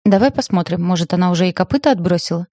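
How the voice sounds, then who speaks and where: A woman's voice: fairly low pitch, animated, racing, mellow, dry recording. A woman voicing a nasal, crude middle-aged male kidnapper who talks in coarse, mocking street slang.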